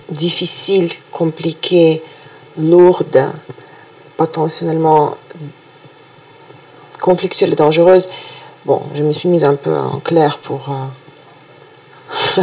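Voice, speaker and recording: A native Russian speaker with a Russian accent, this astrologer presents a weekly horoscope video haltingly, full of hesitations and restarts. Her voice sits low and warm, and the recording is rough.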